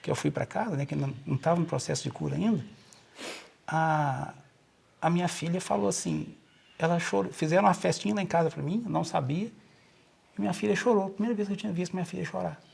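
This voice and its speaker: Middle-aged man, Minas Gerais accent, earnest interview guest, fairly high, husky and gravelly. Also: quick pace, a little mellow. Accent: Minas Gerais Brazilian Portuguese. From Brazil. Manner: earnest storytelling, repeats himself and restarts. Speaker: guest, nurse. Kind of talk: casual personal account.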